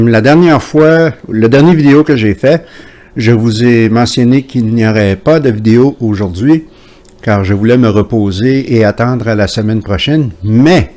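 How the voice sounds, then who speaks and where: A man from Quebec hosting his channel from home, talking to camera in a hesitant way with many pauses. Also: mid-range voice, a little mellow. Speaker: channel host. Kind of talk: casual commentary to camera.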